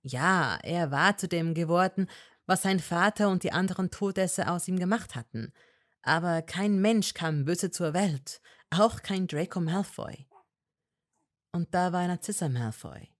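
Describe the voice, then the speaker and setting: Woman narrating a fan story, low and lively. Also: measured pace. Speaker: audiobook narrator.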